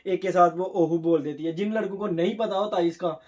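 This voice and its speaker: A man whose first language is Urdu, teaching a Korean test in a casual way, explaining step by step and sounding out words slowly. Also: high voice, a little mellow. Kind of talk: casual spoken lesson.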